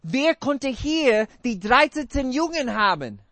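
Guy preaching in choppy learner german, voice way up high, quizzes the crowd. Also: big pitch swings, pushed and bright, dry recording. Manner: halting non-native German, questions the congregation. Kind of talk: interactive sermon.

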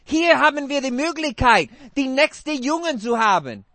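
Male preacher, very high voice, dry close sound, halting non-native German, interactive sermon. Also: sing-song, pushed and bright, no echo.

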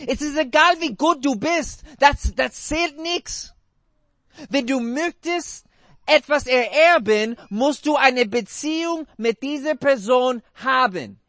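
Guy preaching in choppy learner german, voice way up high, quizzes the crowd. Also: expressive, a bit bright, dry recording. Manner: halting non-native German, questions the congregation. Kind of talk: interactive sermon.

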